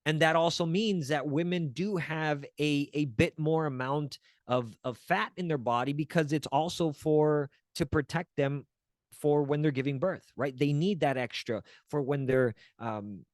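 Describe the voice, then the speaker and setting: A man with a slightly high voice speaks a little slowly in a dry recording, teaching to camera as a wellness coach. He is earnest and encouraging, often checking in with the listener and restarting phrases as he searches for words.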